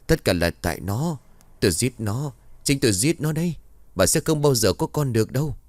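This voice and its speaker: A man's voice: a little slow, darkish tone, no room sound, natural voice. A man voicing a small vengeful ghost girl in a spoken horror story, in a raised voice. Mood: accusing. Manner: pleading then accusing, higher voice.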